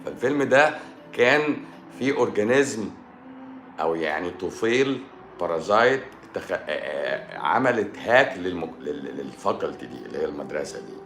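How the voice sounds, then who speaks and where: A man's voice: sits low, expressive, fairly quick, fairly bright tone, slight background noise. A man with an Egyptian Arabic accent hosting a live stream, answering viewer questions in a joking, sarcastic manner. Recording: roomy echo with music behind.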